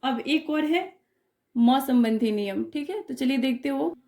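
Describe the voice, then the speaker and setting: Woman teacher, high voice, slow and patient, keeps asking if it's clear. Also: expressive, dark tone. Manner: patient, repeats checks like "clear?" and "okay". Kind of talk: Hindi grammar lesson for exam students.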